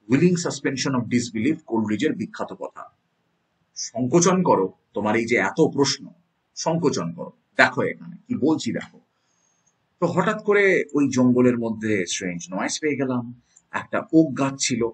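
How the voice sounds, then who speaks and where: Bengali male lecturer, 30s, lively exam-prep teaching, husky, throws questions at the class. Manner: animated, swings pitch for emphasis, asks the class rhetorical tag questions. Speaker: college English literature lecturer.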